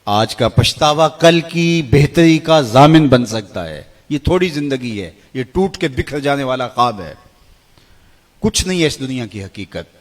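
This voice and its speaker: A middle-aged male preacher giving an emotional sermon. His voice swings from soaring cries to hushed lows, and he chants verses slowly. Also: expressive.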